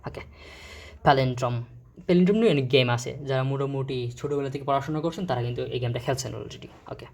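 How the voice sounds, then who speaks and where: A man's voice: medium pitch, vocal fry. Man explaining vocabulary with many fillers. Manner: explains words slowly, with many fillers and self-corrections. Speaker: vocabulary teacher. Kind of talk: casual explanatory lesson.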